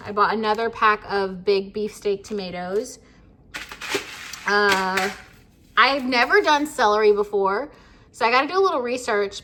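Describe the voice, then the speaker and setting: A woman's voice: mid-range voice, fairly bright tone, a little hiss or hum. An American woman talking casually to camera as a gardening vlogger, chatty and rambling, with plenty of fillers.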